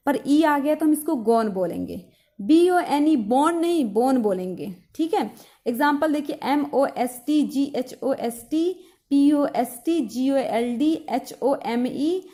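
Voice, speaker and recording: A woman teaching English pronunciation in Hindi, spelling out letters slowly and asking rhetorical questions. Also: sits high, dark tone. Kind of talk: explaining lesson in Hindi with English words.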